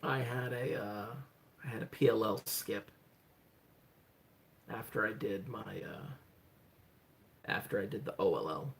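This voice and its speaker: A man livestreaming from home, chatting excitedly to himself as he goes, with lots of "hold on" and "oh my gosh". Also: on the low side, unhurried, vocal fry, long pauses, slight background noise. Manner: excitable, thinks aloud, repeats "hold on" and "oh my gosh". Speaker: livestreaming speedcuber. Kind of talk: casual livestream self-talk.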